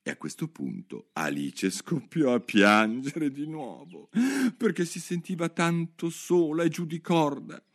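Man, storybook narrator, lively pitch, expressive, measured. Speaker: audiobook narrator.

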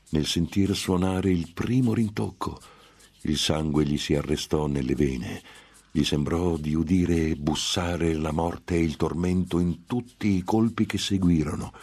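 Deep, husky male storyteller. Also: a little mellow. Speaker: narrator. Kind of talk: dramatic audiobook reading.

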